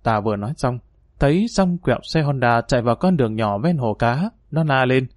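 Male audiobook narrator, mid pitch, even delivery, dry close recording. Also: a little fast, no room sound. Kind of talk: scripted narration.

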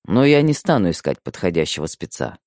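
A man's voice: low-pitched, big pitch swings, brisk, a little mellow, no echo, studio quality, voice pushed down. A man voicing a tough, blunt husband in an audiobook, speaking in coarse, plain words. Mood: grim. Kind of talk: audiobook character voice.

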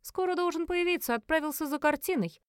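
A mocking young male dark mage, as a woman reader puts him on taunts in a lifted, light tone. His speech is smooth and sly. The recording is dry and close. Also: high voice, brisk, no echo, pitched above the performer's own voice, close to an everyday voice. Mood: matter-of-fact.

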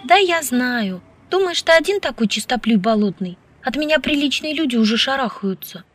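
A woman's voice: high voice, animated, normal speed, pitched above the performer's own voice. A woman reading an audiobook, voicing a bold, flirtatious, outspoken woman who teases freely. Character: brash, lively flirtatious woman scientist.

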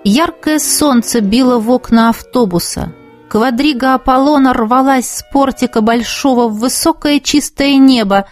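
A woman reading a novel aloud as narrator, with a steady storytelling delivery. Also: fairly high pitch, dry recording, studio quality. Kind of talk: scripted audiobook narration.

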